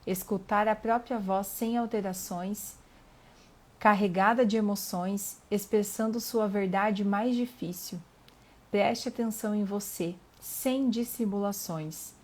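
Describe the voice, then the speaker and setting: A middle-aged woman with a Brazilian accent, hosting a reflective live talk on emotions and reading passages aloud in a calm, earnest way. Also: medium pitch. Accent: Brazilian Portuguese. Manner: calm and earnest, pausing with fillers, asking the listener questions.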